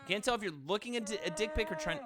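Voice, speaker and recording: A man's voice: high-pitched, very fast, a loud crowd. A man hosting a live stream, chatting casually in a joking, rambling, self-mocking way. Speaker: livestream show host. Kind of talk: casual chat. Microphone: computer mic on a live stream.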